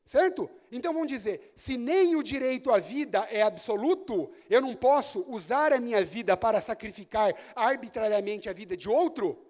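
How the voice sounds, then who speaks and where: A man with a Brazilian Portuguese accent giving a lively conference lecture on law, firing rhetorical questions at the audience and telling jokey stories. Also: very high voice, moderate pace, few pauses.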